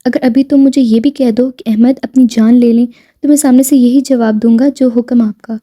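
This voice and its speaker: A woman's voice: on the high side, steady tone, dark tone, close to an everyday voice. Woman reading a teasing devoted husband. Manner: teasing and tender, then firm when arrested. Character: devoted affectionate husband, teasing, wealthy businessman.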